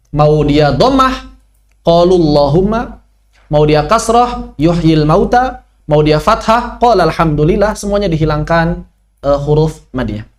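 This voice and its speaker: A man teaching Quran recitation rules in an online lesson, asking questions and answering them himself. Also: on the high side.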